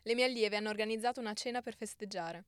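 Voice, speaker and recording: A woman voicing Penelope, a patient ancient queen, in an audiobook story, soft and measured. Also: mid-range voice, smooth, no room sound, studio quality, close to an everyday voice. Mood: gentle. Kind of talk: audiobook character reading.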